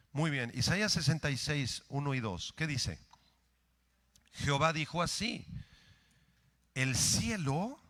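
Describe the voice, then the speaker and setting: Animated Mexican pastor preaching. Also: male voice, medium pitch. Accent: Mexican Spanish. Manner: animated preaching with dramatic swings from loud to hushed. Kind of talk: sermon. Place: church.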